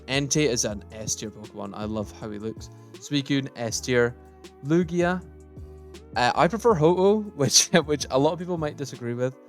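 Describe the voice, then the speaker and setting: A man talks through a tier list in a loose, casual way, stating his likes and dislikes bluntly and thinking aloud as he moves things around. His voice sits at an ordinary middle pitch. Faint music plays underneath. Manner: opinionated, thinking aloud while sorting. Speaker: gaming YouTuber.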